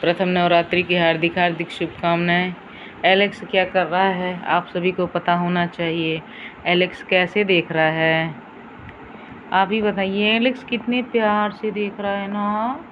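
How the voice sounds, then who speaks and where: A woman filming her pet dog, mixing cooing baby talk with sharp high commands. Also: flat delivery, unhurried, muffled recording, a little hiss or hum. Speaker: dog owner. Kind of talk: casual pet vlog.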